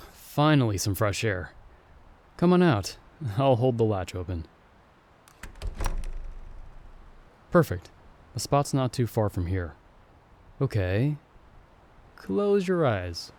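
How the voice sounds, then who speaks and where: A voice actor with a fairly low, darkish voice plays a playful young man in an ASMR audio roleplay, the hero's friend who got summoned along with him. His manner is teasing, friendly and upbeat.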